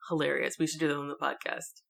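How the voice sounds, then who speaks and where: A woman co-hosting a chatty podcast, playful and given to laughing between lines. Her voice sits a little low, and she talks in a loose, casual way. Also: little pitch movement, quick pace, gravelly, a bit bright. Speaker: podcast co-host. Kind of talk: casual chat.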